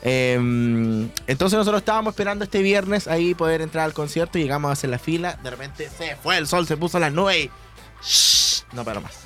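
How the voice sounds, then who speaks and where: Young Chilean guy, co-host on radio; quick, lively storyteller who acts out voices. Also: fairly high pitch, faint music behind. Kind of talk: casual chat.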